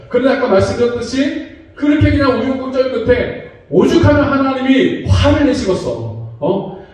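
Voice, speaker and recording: Recorded at a distance in a highly reverberant church hall, a man preaches in the sanctuary as pastor, keeping his sermon conversational and acting out quoted voices. He has a very high, darkish voice.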